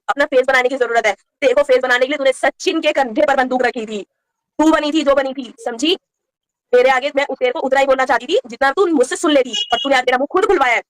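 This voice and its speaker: Fast, high-pitched woman ranting confrontationally. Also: no room sound. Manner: confrontational, rapid-fire, scolding. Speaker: vlogger. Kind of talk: heated vlog rant.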